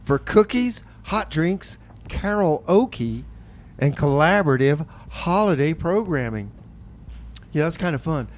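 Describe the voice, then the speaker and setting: Speaking slowly but with lively intonation, a man with a fairly high voice runs a community radio show from the studio. He mixes laid-back banter with announcements and calls his listeners folks.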